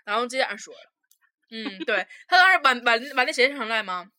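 This young podcast host speaks in a fairly high, sharp voice, very animated and fairly quick. With a Northeastern Mandarin accent, she runs a casual storytelling chat, cursing bluntly and breaking into frequent laughter.

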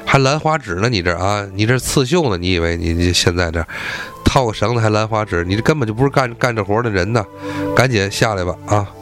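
A man's voice: on the low side, quick pace, soft background music, lightly acted. A man voicing a persuasive young male scholar who coaxes and reasons in a chatty way. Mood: coaxing.

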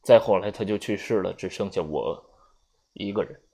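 Male reader as an old general in an audiobook, low gravelly voice, slow and courteous, resigned. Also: warm tone, exaggerated voice. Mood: grave sorrowful. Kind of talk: audiobook reading.

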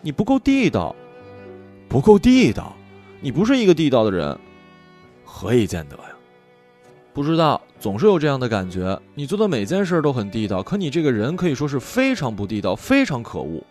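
A man's voice: medium pitch, huge pitch swings, a little mellow, soft background music, voice pushed up. A man doing a bold, teasing young woman. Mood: accusing. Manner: playful, coaxing, brisk. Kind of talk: audio story reading.

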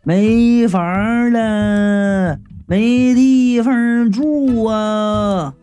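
A man voicing a whiny male ghost who wails his complaints in a slow, drawn-out cry. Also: high-pitched, fairly even intonation, dark tone, clean tone, faint music behind. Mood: wailing. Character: whiny wailing male ghost, wants everything.

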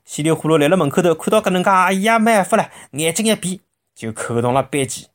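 Children's storyteller: Shanghainese accent, mid-pitched, highly animated, expressive delivery. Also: fast. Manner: expressive, with vivid sound words.

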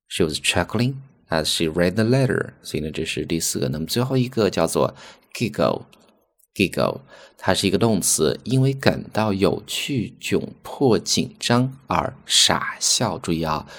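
A man hosting an audio English lesson, explaining patiently and repeating key words. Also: sits low. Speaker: English teacher and podcast host.

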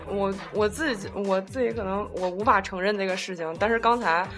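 A woman's voice: mid-range voice, brisk, over music. A young woman, blunt and joking in a casual group chat.

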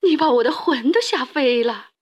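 Woman doing a tiny old granny, squeals high, scolds like a mom. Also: lively intonation, moderate pace, fairly bright tone, lo-fi sound. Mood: frightened. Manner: squealing exclamations, motherly scolding. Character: tiny frail old woman, timid but stern.

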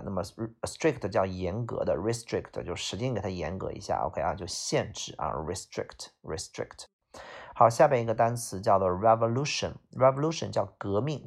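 A man teaches a vocabulary lesson. His voice is very low with a gravelly fry, and it sounds husky. He repeats each word and explains it patiently, with frequent "啊" fillers. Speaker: English teacher.

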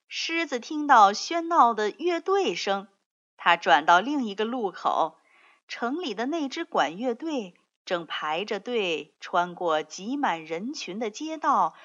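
Slow, lilting woman telling a picture book story. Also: fairly high pitch, sing-song, a bit bright. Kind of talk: children's picture book reading. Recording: dull lo-fi recording.

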